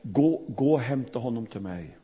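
A man voicing a humble, gentle king who speaks softly and tenderly. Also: mid-range voice, long reverb tail, natural voice. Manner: soft, calm and tender.

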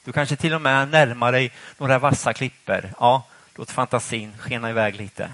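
A man's voice: medium pitch, fairly even intonation, fairly bright tone, no room sound. A man preaching a sermon in church, asking the congregation questions in a conversational way.

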